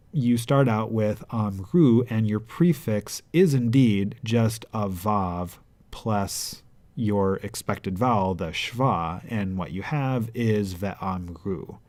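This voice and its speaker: A man delivers a grammar lesson in a low, warm voice, taking his time over every point. The recording is dry and close, with no room sound. Now and then he slows further to chant a verse. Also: dry recording. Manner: patient, deliberate, chanting Hebrew verses slowly. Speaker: Hebrew grammar teacher. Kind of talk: explanatory lecture.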